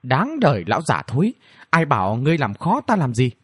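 A man's voice: medium pitch, huge pitch swings, brisk, fairly bright tone, slightly rough, no room sound, studio quality, full character voice. A man voicing a bratty, mischievous young girl princess who taunts and whines in a cheeky way. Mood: taunting. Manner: cheeky, whiny, provocative.

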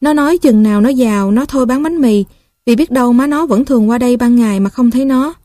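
A woman with a Southern Vietnamese accent narrating a story in a gentle, even way. Her voice sits a bit high, with a mellow, warm tone, and the recording is close and dry. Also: fast, dry recording. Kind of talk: reading a story aloud.

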